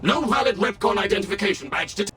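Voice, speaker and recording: A man voicing a smooth, servile male security robot in a video game, with a synthetic robot tone and clipped, polite announcements. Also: high-pitched, lively intonation, fast talker, pushed and bright, a little hiss or hum. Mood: flat.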